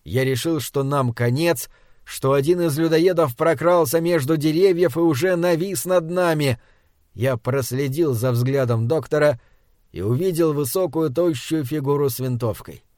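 Male audiobook narrator, slightly higher voice, steady dramatic delivery, dead-dry booth sound. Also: no echo. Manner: measured, dramatic reading.

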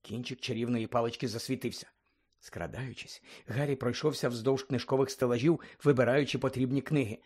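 A man reading a children's fantasy book aloud in an expressive, measured and softly dramatic way. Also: mid-range voice, slightly rough. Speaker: audiobook narrator. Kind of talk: expressive storybook narration.

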